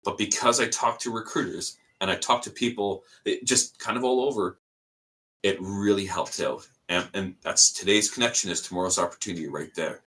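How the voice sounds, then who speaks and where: Here's a podcast guest, a young man from Canada, whose voice sits on the low side at a normal speed. His accent is Canadian, and he recounts his story casually, lively and playing the characters he quotes.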